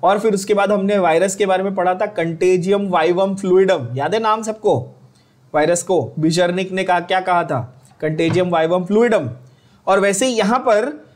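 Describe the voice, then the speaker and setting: A young Indian man gives a biology lecture in a high, light voice. He chats and jokes with his students, then drops to a slow, deliberate pace to dictate the lines they must remember. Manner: chatty, joking asides, slows right down to dictate English lines. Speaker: biology teacher. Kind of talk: online exam-prep lecture.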